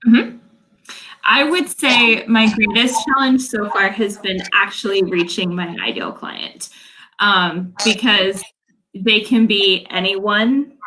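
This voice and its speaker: A young woman from Utah, an English language coach, earnestly explains her work as a guest in a casual livestream interview, often opening with "so" and "um." Her mid-range voice moves at a slow pace over a noisy background.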